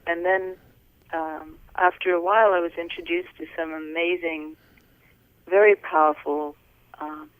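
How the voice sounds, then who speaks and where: Middle-aged woman from Wales, guest calling in by phone: soft, unhurried, smooth-voiced, tinny line. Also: fairly low pitch, level tone, no echo. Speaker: podcast guest, physician. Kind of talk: casual interview talk.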